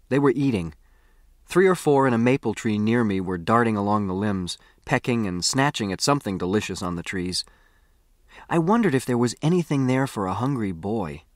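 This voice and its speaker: Like a boy recounting his own adventure, an American man narrates a first-person audiobook story in a lively, conversational manner. He speaks in a mid-range voice, and the studio sound is clean and echo-free.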